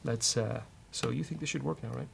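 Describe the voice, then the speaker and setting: In a creaky, medium-pitched voice and a brisk manner, a developer and show host works through a laid-back coding session. He mutters hesitantly while thinking out loud, over faint background noise.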